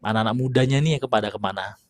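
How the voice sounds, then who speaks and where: A man teaching Quran recitation on a live stream, reading out viewer questions and slowly demonstrating letter sounds in a relaxed, chatty way. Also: lowish voice.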